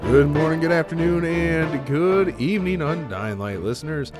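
A pastor hosts a casual theology podcast while congested from a cold, rambling with lots of "uh" fillers and restarts. His voice is a little high and moderately paced, with loud music playing behind it.

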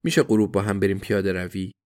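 A man's voice: sits low, steady tone, a little mellow, clean tone, no echo, clean studio sound, lightly acted. A man voicing an earnest, plain-spoken Eastern European man in an audiobook, speaking in a direct way.

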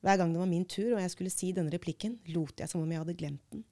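Woman, low voice, mellow tone, measured reading and book talk. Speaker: book podcast host. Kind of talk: reading aloud and book discussion.

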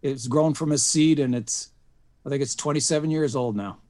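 A middle-aged man from Canada, a podcast guest telling his story in a relaxed way, often pausing with um and uh. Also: medium pitch. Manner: relaxed storyteller with frequent ums. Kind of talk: casual interview.

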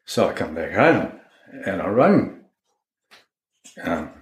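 A man's voice: sits low, sing-song, takes it slowly. A plain-spoken man with a broad New Zealand accent, informally recalling events in an interview, with mild swearing. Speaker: interviewee, friend of the person discussed. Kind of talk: informal recollection in a sit-down interview. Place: indoors in a house. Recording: roomy, echoey home interview.

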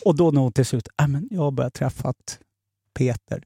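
A man on a podcast telling a long personal story in a casual way. He acts out the dialogue with lively voices and swears freely. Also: medium pitch, gravelly, husky, dry recording, clean studio sound. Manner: animated, acts out quoted dialogue; swears freely, many fillers. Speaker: podcast guest.

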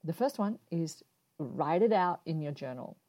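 A woman giving calm, encouraging relationship advice, speaking straight to the listener in an instructional talk. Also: sits low, measured pace.

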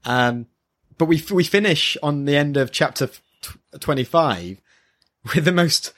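His voice runs on the high side, a bit bright and a little slow. As a podcast co-host reading manga for the first time, he gives casual review impressions, hesitating and hunting for words, all recorded on a built-in microphone.

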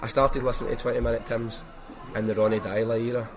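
A man's voice: mid-range voice, little pitch movement, quick pace. A man with a strong Glaswegian Scottish accent hosting a podcast, telling stories in a casual, colloquial way with opinions of his own. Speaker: podcast host. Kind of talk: casual anecdotal chat.

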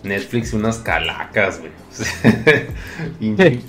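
A man's voice: lowish voice, sing-song, takes it slowly, a bit bright, faint music behind. A man with a Mexican accent chatting casually as a podcast host, with crude slang and teasing frat-bro banter.

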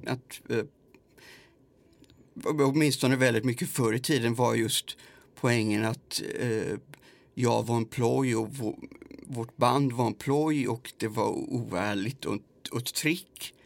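A man's voice: medium pitch, steady tone, vocal fry, dry recording. A man, a musician, speaking in a hesitant way with many fillers in casual conversation. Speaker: musician guest.

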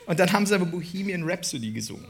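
A man co-hosting a comedy podcast live on stage, telling an animated anecdote with laughter and acted-out voices. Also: sits high, very fast, gravelly, crowd noise. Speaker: podcast co-host. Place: on stage before a live audience in a large hall.

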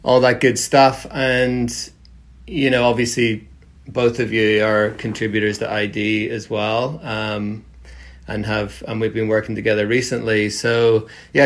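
A man in his thirties from Northern Ireland leads a laid-back podcast conversation. He talks in a level, fairly flat voice at a middle pitch, leaning on lots of fillers and hedges. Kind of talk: casual chat.

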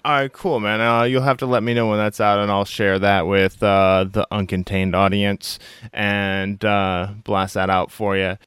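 A man's voice: lowish voice, little pitch movement, moderate pace, a bit bright, smooth, no echo, studio quality. A man hosting a casual interview, easygoing and agreeable as he chats with his guest. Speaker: interview host.

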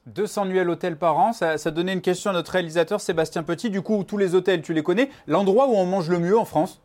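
A man interviewing a guest, asking brisk, prompting questions. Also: sits high, darkish tone.

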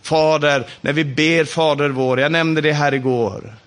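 A man's voice: a little high, fairly even intonation, a bit bright. A man teaching from the Bible in a sermon, emphatic and building on repeated phrases.

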